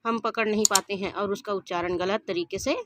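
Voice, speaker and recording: A woman teaching a grammar lesson, who states each point and then explains it again in simpler words, and reads word pairs slowly, one after another. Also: medium pitch, steady tone, very noisy.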